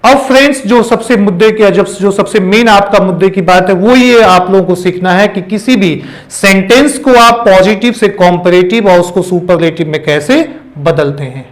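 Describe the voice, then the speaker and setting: A man's voice: sits high, normal speed, few pauses. A man teaching English grammar in a classroom-style lesson, mixing Hindi and English, spelling words out letter by letter and often checking in with "okay". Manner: repeats phrases and says "okay" often.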